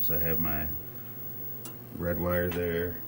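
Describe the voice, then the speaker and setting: Low-voiced man over noisy fan hum. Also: level tone. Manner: halting, thinking aloud. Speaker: arcade repair host. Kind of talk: casual hands-on repair walkthrough. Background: whirring fan noise.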